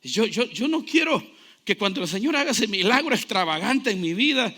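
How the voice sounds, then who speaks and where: A male pastor preaching a sermon with passion. His delivery keeps building up to loud shouts. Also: high voice, sing-song, moderate pace. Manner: impassioned preaching, rising to shouts.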